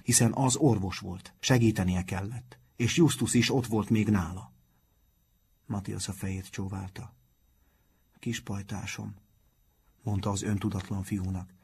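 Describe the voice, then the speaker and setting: Low husky male storyteller. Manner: calm, measured storytelling. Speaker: narrator. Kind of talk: audiobook narration.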